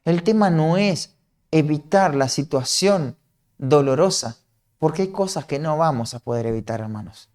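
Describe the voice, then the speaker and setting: Earnest Argentine preacher, fairly high voice. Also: male voice, expressive, moderate pace, a little mellow. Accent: Rioplatense Spanish. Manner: earnest, explanatory, often ends points with a questioning "¿no?". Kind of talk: sermon.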